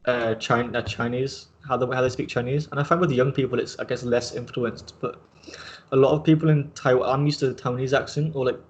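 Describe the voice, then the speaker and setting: A young adult man hosting a casual chat, talking in a relaxed, rambling way with plenty of filler words. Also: mid-range voice, fairly quick, highs cut off. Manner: relaxed, rambling, heavy use of 'like'. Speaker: host.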